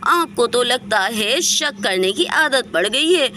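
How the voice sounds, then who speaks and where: A woman's voice: high voice, slow pace, sharp tone, a little hiss or hum, voice pushed up, heavily acted. A woman voicing a dramatic, defensive young wife in a doll story. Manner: pleading, defensive. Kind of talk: storybook voice acting for a doll video.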